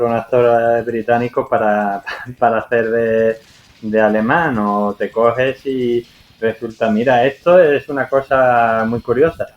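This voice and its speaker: Man, lively anecdotes, mid-pitched, slightly muffled mic. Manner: lively storyteller, acts out quotes. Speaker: film podcast co-host. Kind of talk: casual film discussion.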